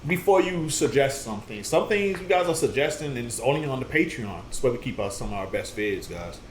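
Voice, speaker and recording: A man's voice: medium pitch, lively intonation, brisk, a little hiss or hum. Easygoing male reaction host, echoey room. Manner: easygoing, thanks supporters. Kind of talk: casual chat.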